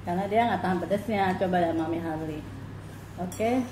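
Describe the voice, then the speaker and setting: A woman's voice: on the low side, brisk, dark tone. A woman chatting casually and teasingly while eating on a mukbang video. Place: small hard-walled indoor room at a table. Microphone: camera a short distance away. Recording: echoey room with background noise.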